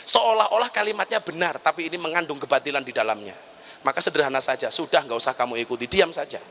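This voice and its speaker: A middle-aged man delivers a humorous sermon with joking asides. His voice is bright and sits a little high. A faint hiss of ambience lies under the handheld mic. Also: lively intonation, fast talker. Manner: joking asides, then chanting and singing verses. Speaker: preacher.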